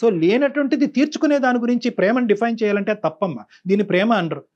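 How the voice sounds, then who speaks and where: A man's voice: sits high, fast, darkish tone, dull audio. A man counseling a caller on a call-in show, stern and preachy, repeating phrases for emphasis. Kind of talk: lecturing advice to a caller.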